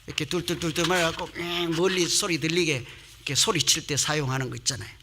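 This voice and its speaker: A man preaching a Sunday sermon as pastor, animated, acting out quotes and swinging between loud calls and soft asides. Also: a little high, fast, slight background noise. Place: church sanctuary.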